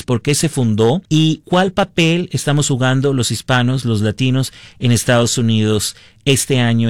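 A man born in the United States, a radio program director and host, giving measured, earnest commentary. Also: medium pitch, no echo, clean studio sound.

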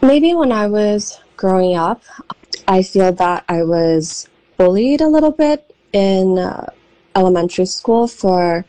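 A young woman with an American accent answering interview questions thoughtfully, pausing often with ums. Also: mid-range voice, expressive, dark tone, poor audio. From United States. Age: young adult. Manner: thoughtful, hesitant with frequent ums. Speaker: guest, painter and writer.

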